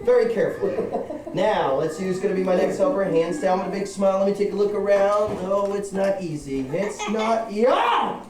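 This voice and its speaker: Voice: medium pitch, fairly quick. A children's party magician performing live patter for kids, playful and theatrical, with exaggerated exclamations and teasing asides. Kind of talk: live kids' magic show patter with audience call-and-response. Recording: distant, echoey, very noisy live room recording.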